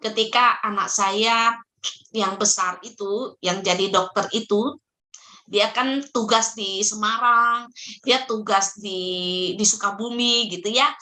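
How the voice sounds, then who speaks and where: A middle-aged woman, a parenting guest who tells stories in lively casual talk and acts out voices. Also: medium pitch, slow. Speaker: podcast guest, parenting practitioner.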